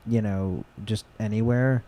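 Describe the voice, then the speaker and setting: A man with a very dark, warm, fairly low voice, chatting as a podcast guest. He talks easygoingly and peppers his speech with fillers. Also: steady tone, unhurried. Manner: easygoing, many fillers like "you know". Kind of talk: casual podcast chat.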